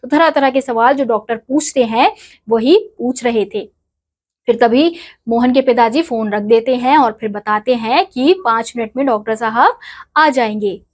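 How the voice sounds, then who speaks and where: A woman's voice: fairly high pitch, moderate pace. A woman teacher reading and explaining a school play, speaking directly to her students. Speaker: Hindi teacher.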